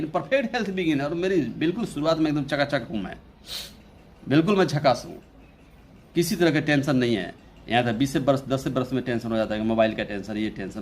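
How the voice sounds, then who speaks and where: A young Indian English speaker with a somewhat high voice teaches an English poem in Hindi. He talks slowly, repeats his phrases, and reads the English lines at a very slow pace during this Hindi poetry lesson.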